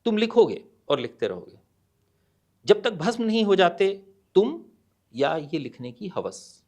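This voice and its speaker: A middle-aged man, a guest author on a podcast, speaking in a measured, deliberate way and mixing Hindi and English, with hesitant pauses. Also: sits high, very animated. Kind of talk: podcast interview, reading a poem aloud.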